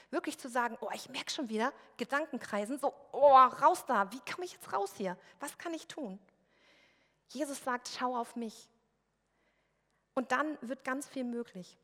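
A woman's voice: a little high, fairly bright tone, big-room sound. A woman from West Germany preaching a sermon in a church service room, in a conversational, personal storytelling way.

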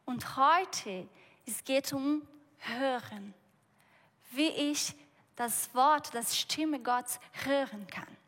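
In a large, echoing hall, a female preacher tells her sermon slowly and tentatively, often breaking off to begin her words again. Her voice is high with a fairly bright tone.

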